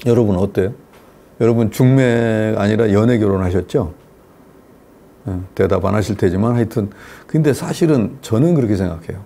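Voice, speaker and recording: A man's voice: on the low side, normal speed, warm tone. An older man giving a public lecture in a lecture hall. He talks in a chatty way, telling jokes and putting questions to the audience.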